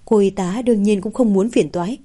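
A woman's voice: medium pitch, a little fast, dark tone. A woman reading a novel aloud as narrator. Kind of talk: scripted audiobook narration.

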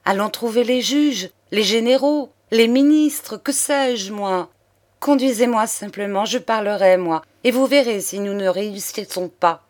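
A woman's voice: fairly high pitch, unhurried, natural voice. Woman reading a humble young girl begging for help, earnest, storybook. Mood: determined. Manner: pleading, earnest.

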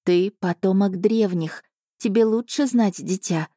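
Woman voicing a slow, pleading island spirit. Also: mid-range voice, warm tone, dry recording, clean studio sound, close to an everyday voice. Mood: solemn earnest. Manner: slow, solemn, imploring. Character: ancient female island spirit, pleading, gentle yet sorrowful. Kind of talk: audiobook reading.

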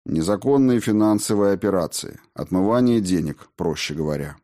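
A man voicing a gruff, evasive middle-aged father who answers in curt, grumbling tones in an audiobook. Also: low voice, animated, normal speed, warm tone.

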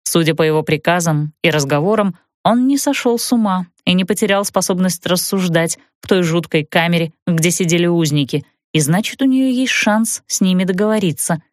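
A woman's voice: lowish voice, brisk, hardly any pauses, dry recording. Woman narrating an audiobook, dry sound.

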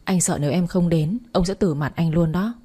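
Calm young boyfriend in a storybook, mellow coaxing voice, read by a woman. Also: on the low side, brisk, breathy edge. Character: reassuring young man, gentle boyfriend.

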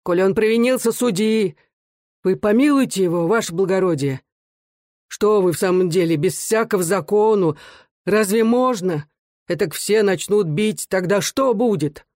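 A man's voice: high voice, moderate pace, darkish tone, no room sound, clean studio sound, pitched above the performer's own voice, lightly acted. A man doing a pleading peasant from the crowd. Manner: pleading, urgent.

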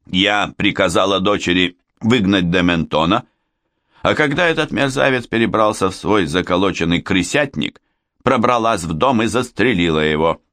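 A man's voice: deep voice, normal speed, fairly bright tone, no echo, studio quality. A man voicing a vengeful, scheming older Frenchwoman confessing her crimes with a snappish, bitter edge in an audiobook. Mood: spiteful. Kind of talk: audiobook character voice.

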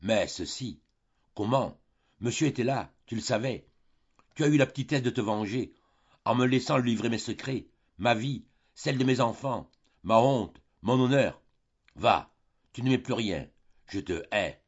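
A man's voice: mid-range voice, expressive, a little slow, breathy edge, pitched above the performer's own voice. A man voicing a furious, bitter countess. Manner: bitter, accusing and raised. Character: furious aristocratic countess, a grown daughter. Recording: dull, muffled lo-fi recording.

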